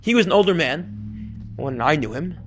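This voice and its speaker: A man teaching a class as a rabbi, reading passages aloud and explaining them in an animated way, with Hebrew and Yiddish terms mixed in. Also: fairly high pitch, normal speed, soft background music. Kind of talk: lecture on a text.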